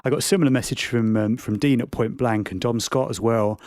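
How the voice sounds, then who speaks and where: A man's voice: medium pitch, fairly quick, a little mellow, no room sound. A man co-hosting a podcast, chatting casually and laughing often. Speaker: podcast co-host.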